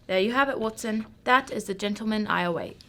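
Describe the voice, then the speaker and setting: A woman playing a composed, analytical female Sherlock Holmes in an amateur radio drama, speaking in a measured, formal and precise way. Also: medium pitch, bright, forceful tone, natural voice. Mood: matter-of-fact.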